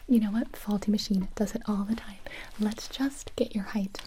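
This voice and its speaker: A young woman whispers close to the mic in a comedic ASMR roleplay, taking on a string of doctor characters and sometimes bursting into full voice. Her voice is mid-range with fairly even intonation, and she moves at a moderate pace. A little hiss or hum sits in the background.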